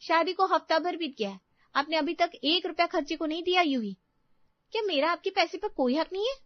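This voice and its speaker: A demanding young wife who whines and complains, as a woman plays her. Her voice is very high. The audio is dry and dull. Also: brisk, no echo, natural voice. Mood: complaining. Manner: whiny, complaining.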